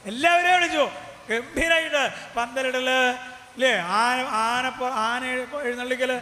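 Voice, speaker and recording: A man telling comic temple tales in a teasing, lively way, his voice high and bright. Now and then he draws his words out into chanted verse. His voice rings through an echoey hall with a long reverb and faint sound behind. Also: unhurried, a little hiss or hum. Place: temple stage.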